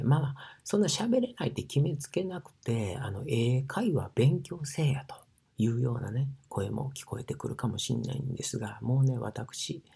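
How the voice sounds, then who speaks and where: A man with an Osaka dialect talks in a loose, rambling monologue, his voice very husky and gravelly. His tone is mellow yet lively, rising and falling a lot. He pads his talk with fillers and often slips down to a breathy near-whisper. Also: mid-range voice. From Osaka, Japan. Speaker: sauna ambassador. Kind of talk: casual monologue.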